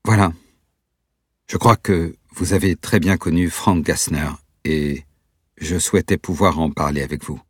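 Un homme qui lit les répliques d'un jeune Hollandais inquiet et sincère, hésitant et suppliant, dans un livre audio. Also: male voice, sits low, steady tone, measured pace, husky, dry recording, studio quality. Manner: hesitant, pleading. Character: young Dutch man, anxious and earnest. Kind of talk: audiobook reading.

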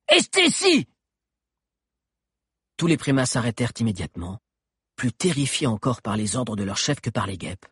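A man tells an adventure in the first person with steady, dramatic storytelling. His voice is very husky and breathy at a mid pitch. The recording is dry and close, with no room around it. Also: no room sound. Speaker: audiobook narrator. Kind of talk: first-person scripted narration.

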